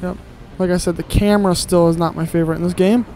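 A man's voice: high voice, steady tone, fast talker, dark tone, slight background noise, rough recording. A man giving casual, grumbling let's-play commentary while he plays, with sarcastic asides and casual swearing.

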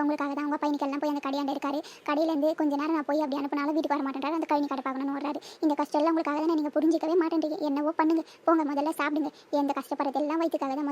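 A village mother from a cartoon scolds her children in a high, quick voice that stays on one even line, as a voice actor puts her on. She lectures on and on without pause. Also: close to an everyday voice. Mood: hurt, lecturing. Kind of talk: cartoon voice acting.

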